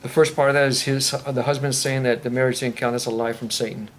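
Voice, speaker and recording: A man's voice: mid-range voice, fairly even intonation, quick pace, a little hiss or hum. A man earnestly answering audience questions at a faith-based recovery meeting, talking in a rambling way with many restarts. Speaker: recovery ministry speaker. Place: meeting room.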